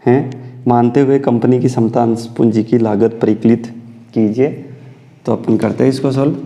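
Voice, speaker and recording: A man lectures through a commerce problem, asking himself questions and answering them. His voice is very dark and gravelly. A long reverb hangs behind each phrase. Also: mid-range voice. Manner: mixes Hindi with English terms, asks and answers his own questions. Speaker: commerce teacher. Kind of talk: lecture solving problems step by step.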